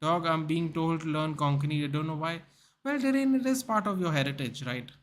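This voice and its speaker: A young man hosting a livestream reads out viewer comments and chats with people by name in a casual, restart-heavy way, tossing in "dude" and "man." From Goa, he speaks Indian English in a fairly high-pitched voice at a fairly quick pace.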